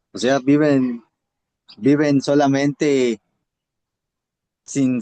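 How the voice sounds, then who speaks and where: A man with a Yucatecan Mexican accent gives a motivational talk to a group. His voice sits at an ordinary middle pitch and sounds dry and close. He stumbles over repeated words, then pushes into loud, emphatic bursts. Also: no echo, rough recording.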